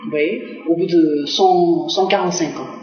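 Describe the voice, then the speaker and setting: With soft background music, a middle-aged diplomat from Korea replies to a TV interviewer in a fairly low voice. Frequent pauses, "euh" fillers and restarts make her sound hesitant. The recording is muffled and reverberant, like an old lo-fi broadcast.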